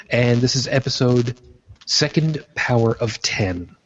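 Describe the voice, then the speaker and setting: This blunt, foul-mouthed podcast host from New York runs an informal roundtable on a video call, his voice husky and medium in pitch. The audio has a dull, lo-fi quality.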